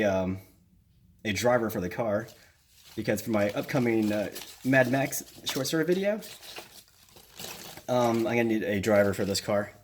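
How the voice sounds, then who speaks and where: A man's voice: mid-range voice, darkish tone. A man hosting a casual unboxing vlog, chatty and loose, with lots of fillers, moving around the camera mic as he works. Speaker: vlogger.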